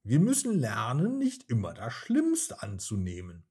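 A cheerful, gentle young woman from a children's storybook, speaking softly and reassuringly, as a male narrator puts her on. Her tone is soothing and patient, with a husky edge. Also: mid-range voice, wildly swooping pitch, measured pace, exaggerated voice.

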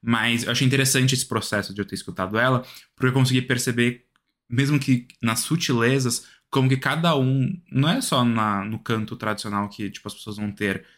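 A man's voice: mid-range voice, a little fast, fairly bright tone. Hesitant Brazilian-Portuguese-speaking man. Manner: hesitant, rambling with restarts. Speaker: podcast co-host. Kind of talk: casual music chat.

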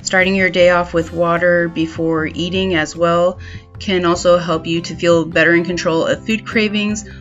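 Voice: medium pitch, level tone, normal speed, fairly bright tone. An advice vlogger narrating scripted self-help tips in a tidy, orderly way. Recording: slightly dull sound, music behind.

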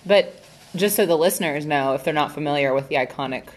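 A woman with a fairly low voice co-hosting a podcast in easy, casual chat. She jokes around and riffs playfully on whatever comes up. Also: fast, a little hiss or hum. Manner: playful, joking banter. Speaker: podcast co-host.

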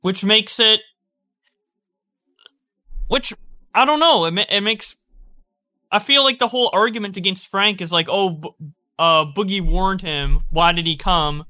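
A man's voice: high-pitched, measured pace, pauses often, sharp tone. A man hosting casual commentary, rambling with lots of fillers and restarts. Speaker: commentary host.

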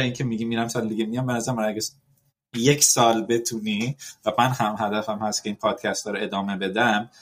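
A podcast host, talking casually and thoughtfully, pausing often with fillers and dropping in English words. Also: male voice, lowish voice. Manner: thoughtful, rambling with many fillers and English loanwords.

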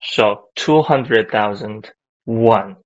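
A man teaching a casual language lesson, relaxed and halting, with many fillers and restarts. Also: fairly low pitch. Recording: dull lo-fi audio.

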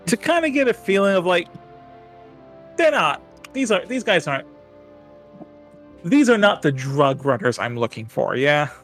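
A man's voice: high-pitched, very animated, normal speed, long pauses, a bit bright, soft background music. A man playing a tabletop game, chatting casually in a rambling way with many fillers and restarts. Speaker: player.

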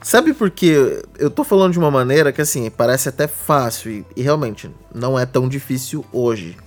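A Brazilian man of middle pitch talks through a technical subject in casual podcast chat. He explains patiently, leaning on everyday examples. Faint music sits under his voice. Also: lively intonation, moderate pace. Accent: Brazilian Portuguese.

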